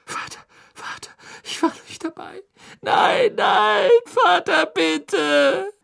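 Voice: extremely high pitch, slow, creaky, bright, forceful tone, voice pushed up, full character voice. A reader voicing a desperate young man on trial, pleading shrilly and breaking into screams in an audiobook. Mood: sobbing pleading.

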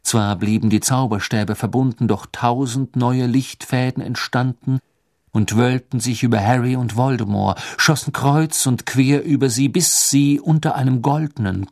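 A man reading a storybook aloud as narrator, in an expressive, dramatic way. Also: mid-range voice, unhurried, dry recording, studio quality. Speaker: audiobook narrator.

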